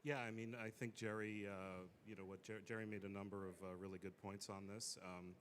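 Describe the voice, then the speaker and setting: A man's voice: on the low side, fairly even intonation, a little hiss or hum. A man answering as a guest on an industry panel, speaking with many fillers and restarts. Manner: fast-talking, filler-heavy.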